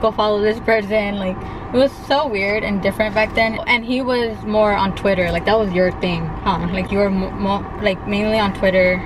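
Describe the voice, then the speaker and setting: A woman's voice: mid-range voice, fairly even intonation, normal speed. Chatty young woman by a busy street. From California. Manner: chatty, rambling, lots of likes and restarts. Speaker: vlogger co-host. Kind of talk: casual couple vlog storytelling. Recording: outdoor traffic noise behind. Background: street and car noise.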